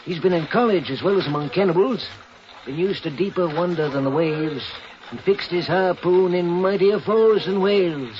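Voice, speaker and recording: An actor playing a gruff old Quaker whaling ship owner in an audio drama, using emphatic, archaic sailor speech. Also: male voice, high voice, moderate pace, natural voice. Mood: grave, warning. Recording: dull lo-fi radio drama recording, noisy.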